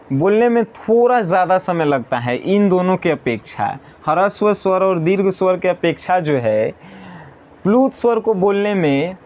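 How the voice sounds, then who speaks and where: A man teaching an exam-prep grammar lesson, slowly repeating definitions and answering his own questions. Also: high voice, darkish tone, muffled recording.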